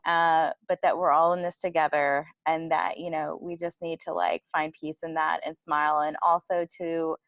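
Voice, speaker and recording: A woman's voice: deep voice, level tone, moderate pace, hardly any pauses, no room sound, lo-fi sound. A woman guest speaking earnestly and reflectively in a casual interview, with frequent fillers. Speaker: podcast co-founder guest.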